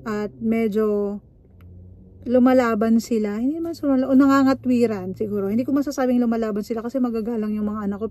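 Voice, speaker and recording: A middle-aged Filipina nurse who vlogs talks in a casual monologue, giving blunt, assertive advice and slipping English into her speech. Her voice sits on the high side and has a dark tone.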